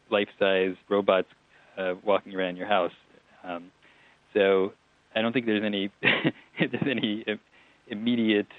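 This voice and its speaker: A man's voice: on the low side, no echo. A man being interviewed about a show he made, talking in a chatty, digressive way with small laughs and restarts. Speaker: TV writer-producer guest. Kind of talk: relaxed interview answers. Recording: tinny phone line.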